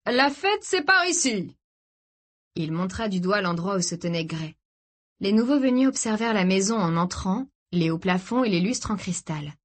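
Lectrice de livre audio posée. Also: female voice, medium pitch, moderate pace, darkish tone. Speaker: audiobook narrator. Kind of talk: scripted narration.

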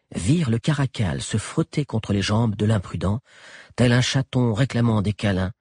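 Husky low-voiced male storyteller. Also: no echo, clean studio sound. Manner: expressive storytelling. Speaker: audiobook narrator. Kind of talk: scripted narration.

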